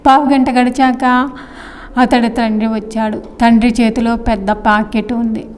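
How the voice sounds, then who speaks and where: A woman reading a story aloud in a steady, expressive narration. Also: a little high, normal speed, clear, resonant tone, in a large hall.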